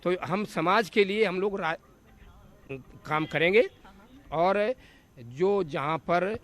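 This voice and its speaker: A man's voice: high-pitched, takes it slowly. A man, a legislator, answering a reporter in a speech-like, rhetorical way. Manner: rhetorical, listing slogans. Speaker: politician, legislator.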